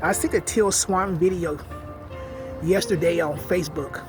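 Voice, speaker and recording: Fifties guy talking to camera outside, kinda high voice, sad and earnest, music under it. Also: steady tone, a little slow. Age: 50s. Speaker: vlogger. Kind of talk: personal reflective monologue.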